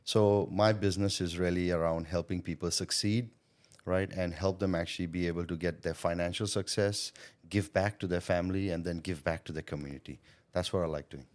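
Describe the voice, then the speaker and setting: A sales coach and business owner, born in Thailand and schooled in India, is a guest in an interview about his business and childhood. He speaks earnestly and reflectively, often adding "right?" and "you know". His voice sits low and darkish, with fairly even intonation and a slightly fast pace.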